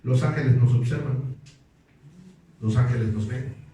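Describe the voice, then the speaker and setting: A male pastor giving a sermon. He reads scripture slowly and with emphasis, and he asks the congregation questions and waits for their replies. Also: medium pitch, warm tone. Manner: slow, emphatic reading of scripture. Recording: very echoey hall, distant mic, faint noise.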